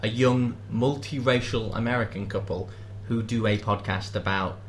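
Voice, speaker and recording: A British man co-hosting a casual podcast, joking and cheeky in a fast, chatty way. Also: on the low side, fairly even intonation, slight background noise. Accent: British English. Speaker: podcast co-host. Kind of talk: casual chat.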